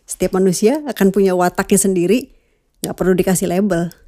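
A woman's voice: mid-range voice, fairly quick, warm tone, no room sound, studio quality. A middle-aged woman chatting casually about the cats she keeps, musing aloud and dropping in English words. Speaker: cat owner vlogger. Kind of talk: casual chat.

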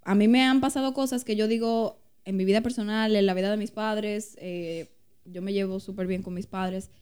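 A woman's voice: mid-range voice, fairly even intonation, normal speed, a little mellow, clear, resonant tone. A woman co-hosting a podcast, reflecting on faith, asking questions and sharing personal experiences. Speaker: podcast co-host. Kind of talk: casual faith talk.

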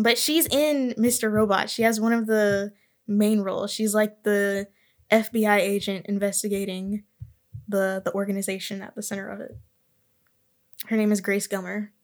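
A woman co-hosting a podcast in casual chat, rambling and correcting herself as she gives vibes-based opinions. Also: medium pitch. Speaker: podcast co-host.

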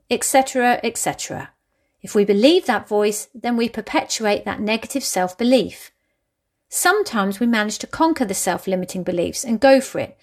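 A woman giving scripted self-help advice as a mindset coach, in a tidy, orderly and encouraging way. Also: medium pitch.

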